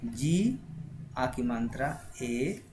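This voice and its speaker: A man's voice: medium pitch, sing-song, extremely slow, noisy background. Hindi-speaking man spelling words aloud. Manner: asks frequent checking questions. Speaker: teacher. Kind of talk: spoken spelling lesson.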